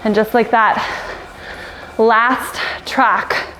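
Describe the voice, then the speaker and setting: A woman's voice: on the high side, fairly even intonation, drawn-out words, a little hiss or hum, poor audio. A woman spin instructor cycling hard as she coaches, urging the class on with short, punchy motivational cues. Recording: loud music behind the voice. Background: workout music.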